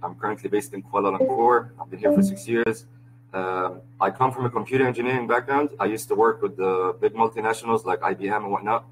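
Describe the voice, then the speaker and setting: A man from Lebanon, a musician telling his story in a casual interview, relaxed and full of "uh" fillers. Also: lowish voice, a little hiss or hum, poor audio. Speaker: musician guest. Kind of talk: casual interview over a voice call.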